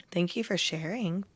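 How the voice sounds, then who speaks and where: A young adult woman streaming from home, chatting candidly with a raspy, sick voice and clearing her throat now and then. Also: mid-range voice, a bit bright. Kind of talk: casual live-stream chat. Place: at home, near bed.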